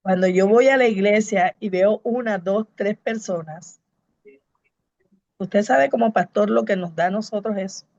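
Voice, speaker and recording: A woman's voice: medium pitch, measured pace, darkish tone, no echo, lo-fi sound. A woman pastor and evangelist, giving a fervent preaching testimony to a congregation and repeating her key phrases. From Colombia.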